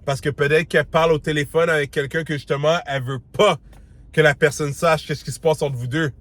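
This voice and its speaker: A man's voice: a little high, fairly even intonation, brisk, a bit bright, dry recording. A man with a Québécois French accent giving dating advice in a casual, slangy monologue, dropping English words and acting out the lines he quotes.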